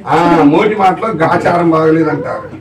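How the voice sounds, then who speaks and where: A man's voice: sits high, fast talker, reverberant, far from the mic, a crowd in the background, poor audio. A man giving a religious discourse to a live audience as a spiritual teacher, often putting questions to the listeners. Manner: keeps asking the audience questions.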